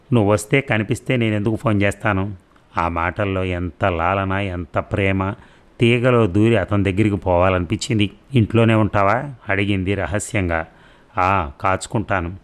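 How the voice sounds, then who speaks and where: A man narrating a family drama story and reading every character's lines in his own voice. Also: lowish voice. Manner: reads all the characters' dialogue in his own voice.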